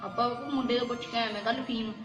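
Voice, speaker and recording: A man's voice: very high voice, steady tone, very fast, over music. A man playing a brash young college son. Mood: reassuring. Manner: brash, reassuring. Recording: echoey room.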